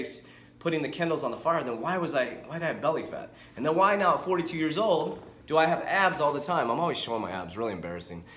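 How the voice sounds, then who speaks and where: The coach's voice is on the high side, and the room around him echoes. A man in his forties, he addresses the camera in a casual vlog, energetic, talkative, and frequently self-correcting.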